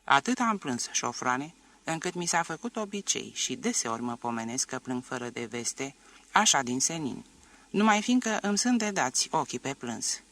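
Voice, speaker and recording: A man's voice: medium pitch, big pitch swings, a bit bright. A man voicing a proud young peasant woman who sounds weary and tearful, in an audiobook reading.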